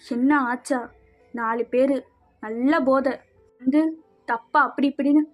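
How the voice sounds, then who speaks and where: Woman voicing a stern, reproachful male cop in a fan audio drama, high voice, slightly muffled, faint music. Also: steady tone, unhurried. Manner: lecturing, reproachful. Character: stern male police officer, lecturing.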